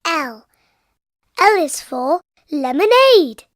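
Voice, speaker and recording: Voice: very high voice, big pitch swings, loud music behind the voice, exaggerated voice. Peppa Pig, a giggly little piglet girl. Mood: cheerful. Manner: giggly, sing-song, slow and deliberate. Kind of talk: cartoon voice acting, reciting the alphabet.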